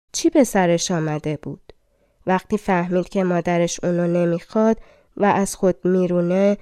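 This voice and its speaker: A woman narrating a fairy tale audiobook in a colloquial, measured storytelling manner. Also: fairly low pitch, dark tone, clean tone, no echo, studio quality.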